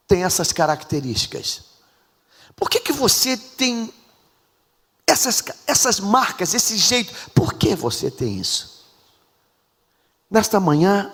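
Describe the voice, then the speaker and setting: Husky-voiced preacher. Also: male voice, high voice. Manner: emphatic, animated preaching with repeated lines. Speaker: pastor. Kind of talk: sermon. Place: large church sanctuary. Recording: reverberant church hall.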